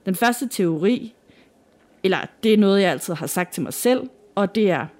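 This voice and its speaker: A woman's voice: mid-range voice, animated, darkish tone. Danish woman, cosy spooky-story podcast host.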